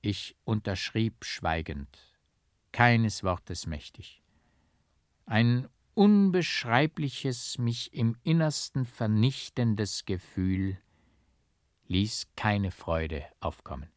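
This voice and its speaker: A man reading a literary novel aloud in a measured, emphatic, rhythmic narration. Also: on the low side, very animated, no room sound, clean studio sound. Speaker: audiobook reader.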